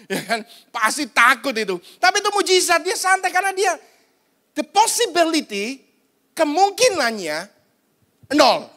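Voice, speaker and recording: A man with a notably high voice preaches a sermon for an online prayer service. His delivery is casual and colloquial, like chatting with the congregation. He briefly voices the people he quotes before returning to his own telling. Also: pushed and bright. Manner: conversational, colloquial preaching with slang; acts out quoted voices in passing. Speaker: pastor.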